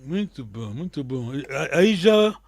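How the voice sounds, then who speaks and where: A man's voice: fairly high pitch, sing-song, takes it slowly, no echo. A man whose first language is Kikongo, teaching an online language lesson and patiently explaining words one by one with frequent check-in questions.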